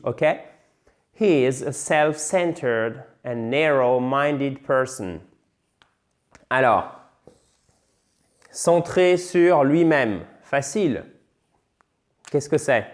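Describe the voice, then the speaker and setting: A man with French as his first language, giving a casual, lively online English lesson and switching between French and English examples. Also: medium pitch. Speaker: English teacher.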